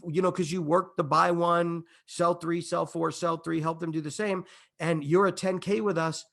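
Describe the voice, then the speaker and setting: A man pitching a business opportunity, his voice sitting high for a man with a gravelly, creaky edge. He talks in an emphatic, excitable way, building hype and checking in with his listeners again and again. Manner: repeats "okay?" and "imagine this" to the audience. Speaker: company presenter.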